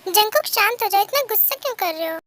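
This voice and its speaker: A woman's voice: very high voice, animated, fast, fairly bright tone. A woman voicing a stubborn, playful young woman who coaxes and pleads. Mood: soothing. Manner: coaxing, pleading.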